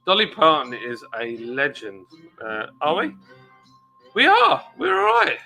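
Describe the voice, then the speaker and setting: Chatty man, bright voice. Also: a little high, huge pitch swings, a little slow, creaky, soft background music. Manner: chatty, rambling, reads viewer comments aloud. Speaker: live stream host. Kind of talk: casual late-night live chat.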